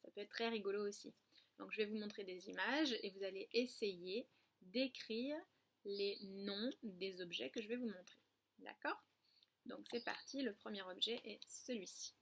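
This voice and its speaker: A woman teaching a lesson to young children from a distance, patient and clear, stressing syllables and spelling words out letter by letter. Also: mid-range voice, normal speed, fairly bright tone, a little hiss or hum. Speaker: kindergarten teacher. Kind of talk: remote classroom lesson.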